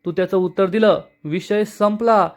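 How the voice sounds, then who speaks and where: A man voicing a young businessman hero from a TV serial, measured and questioning, calm but firm. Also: high-pitched.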